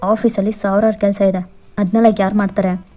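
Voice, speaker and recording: A woman's voice: medium pitch, little pitch movement, a little fast, mellow, soft background music, close to an everyday voice. A woman voicing a cold, dismissive young husband who gives curt orders in a bored, bossy way.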